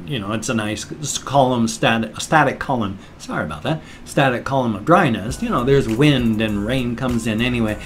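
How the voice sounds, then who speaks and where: A man's voice: medium pitch, normal speed, few pauses. An older man rambling casually to viewers, apologetic and mildly grumbling, his speech hissing and slightly slurred from loose dentures. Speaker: vlogger.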